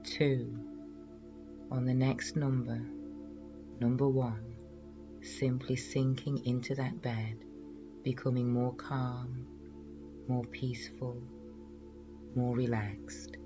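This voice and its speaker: A man leading a guided relaxation in a slow, soothing hypnotist's manner, measured and full of pauses. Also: medium pitch, flat delivery, muffled recording, music in the background.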